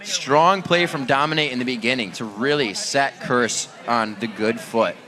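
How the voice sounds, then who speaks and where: A man casting an esports match, excitable and laughing often, with loud bursts. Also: medium pitch, moderate pace. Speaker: esports caster. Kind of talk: play-by-play wrap-up commentary.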